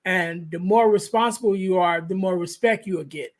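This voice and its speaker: A podcast host, male, light and high in pitch, talks quietly in a conversational interview. His speech stops and starts, with frequent restarts and fillers as he thinks aloud, captured on a podcast microphone.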